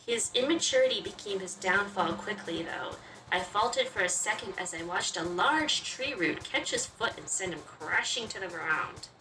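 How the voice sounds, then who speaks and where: Game music plays in the background of this roomy, distant let's play, where a chatty, reactive woman comments and expressively reads the story text. Her medium-pitched voice is expressive and sharp in tone, moving at a moderate pace.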